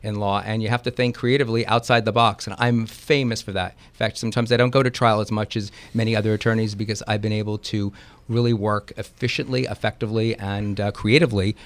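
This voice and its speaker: A man's voice: fairly low pitch, level tone, fast talker, dry recording. A man, an attorney, chatting casually in a radio interview, rambling with frequent ums and laughs.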